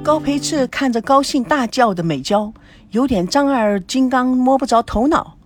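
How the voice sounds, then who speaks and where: A woman narrating a romance novel as an audiobook in an expressive, sing-song way. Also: sits high, moderate pace, soft background music.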